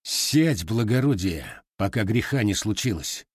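A man's voice: on the low side, expressive, measured pace, breathy edge, dry recording, studio quality. A man voicing a blunt, defiant young male Cossack who answers tersely in an audiobook.

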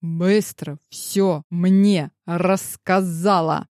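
A woman voicing a hot-tempered young male boss who speaks in slow, emphatic demands. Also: medium pitch, expressive, no room sound, studio quality, lightly acted. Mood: agitated.

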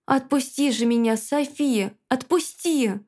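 Female reader voicing a scared ghost woman, pleading and strained, pitched high. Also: normal speed, a little mellow, natural voice. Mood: desperate. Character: frightened desperate female ghost, young woman.

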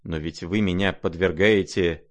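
A man voicing a gentle, naive young prince who speaks mildly and calmly. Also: sits low, a little slow. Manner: mild, calm, soft-spoken.

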